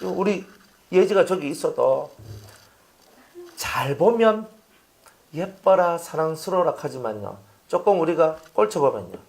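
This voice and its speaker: A pastor preaching a sermon, chatty and animated, asking his congregation rhetorical questions. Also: a little high, unhurried, gravelly, pauses often.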